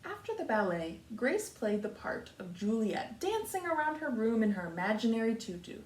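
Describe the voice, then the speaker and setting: American lady teacher reading to little kids, high lively voice, kinda echoey room. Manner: simple, deliberate explanations with repeated phrasing. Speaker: kindergarten teacher. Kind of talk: read-aloud lesson for young children. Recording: roomy echo, distant mic, faint noise.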